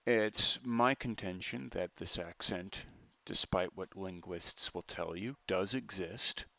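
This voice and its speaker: A man with a General American accent, giving a deliberate, argumentative monologue to camera with pauses and restarts. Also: low-pitched, vocal fry, pushed and bright. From United States. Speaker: vlogger.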